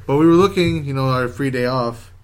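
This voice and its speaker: A man in a casual group chat, relaxed and chatty as he tells a story. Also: medium pitch, a little fast, slight background noise.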